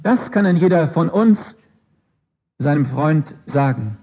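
Male preacher giving a sermon, emphatic and fairly high-pitched, muffled lo-fi sound. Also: lively intonation, measured pace, breathy edge. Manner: emphatic, with rhetorical questions and repeated phrases. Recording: dull lo-fi recording.

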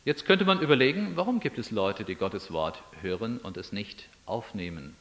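A man's voice: fairly low pitch, animated, normal speed, fairly bright tone. A man preaching a sermon. He reads scripture aloud, then explains it in an everyday, musing tone.

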